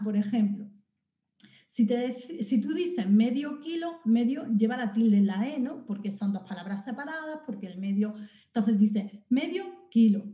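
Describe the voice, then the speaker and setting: In a lecture hall, a woman with a voice on the high side gives an animated public lecture, addressing her audience directly and often restarting or correcting herself. The recording is dull and echoey.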